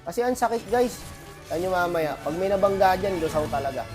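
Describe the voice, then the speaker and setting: A man's voice: sits high, lively intonation, a little fast, a little mellow, soft background music. A man with a cold giving chatty, boastful gameplay commentary to his viewers as a streamer. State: has a cold, voice affected. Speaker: gaming streamer.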